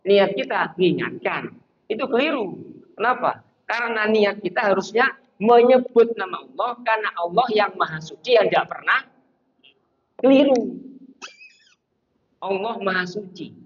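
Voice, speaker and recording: Man, high voice, animated mosque lecture, muffled lo-fi recording. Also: moderate pace, long pauses. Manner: animated, acts out little scenes and chants to show intonation. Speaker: ustaz giving a mosque lecture on fiqh. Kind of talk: conversational religious lecture. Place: mosque hall.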